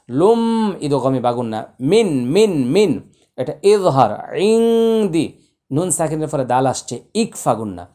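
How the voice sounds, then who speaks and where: Male recitation teacher, very slow and clear, spells out each letter and then chants the words. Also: on the high side, dark tone. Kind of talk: tajweed lesson.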